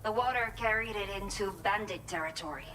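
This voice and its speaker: A weary but determined ex-bandit mother-to-be , voiced by an actress in a video game, speaking with a Mexican accent. Her delivery is earnest and measured, at an ordinary mid pitch. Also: a crowd in the background, natural voice, rough recording. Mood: pleading. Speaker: game character giving delivery orders.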